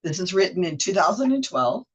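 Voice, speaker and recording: Down with a cold, a Wikipedia editor chats loosely through pages shared on screen in an informal explainer, often revising sentences midway. The voice is medium-pitched, very animated and brisk, with a fairly bright tone and a breathy edge.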